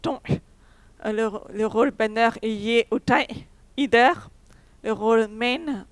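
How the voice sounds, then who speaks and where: A woman's voice: a little high, takes it slowly, clear, resonant tone, no room sound. A young woman giving a technical conference talk, hesitant, with many fillers and restarts. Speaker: conference speaker. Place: conference hall.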